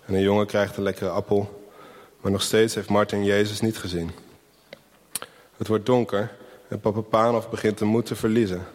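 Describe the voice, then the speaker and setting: Low-voiced man reading a story, reverberant. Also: level tone. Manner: gentle, unhurried reading of a Christmas tale. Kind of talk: storybook narration with character voices.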